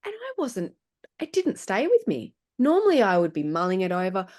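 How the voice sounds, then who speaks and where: A middle-aged woman speaking as a podcast guest, telling her story in a casual, animated way and laughing often. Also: mid-range voice, moderate pace.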